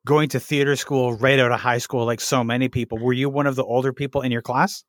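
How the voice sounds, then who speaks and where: A host talks with a guest in a casual interview. The voice is mid-pitched and recorded dry and close, and the delivery is animated, with frequent stumbles and restarts. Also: fast talker, dry recording.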